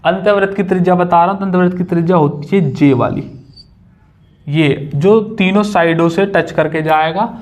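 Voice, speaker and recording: A man's voice: high voice, fairly even intonation, moderate pace, darkish tone. A young man teaching a maths lesson at a whiteboard, chatty and casual, joking with his students.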